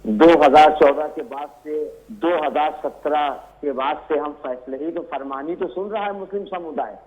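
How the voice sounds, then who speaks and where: A religious scholar appears as a guest on an argumentative TV debate, arguing indignantly and emphatically over a remote call link. His voice is on the high side at a moderate pace, and the audio is thin, narrow, tinny and band-limited.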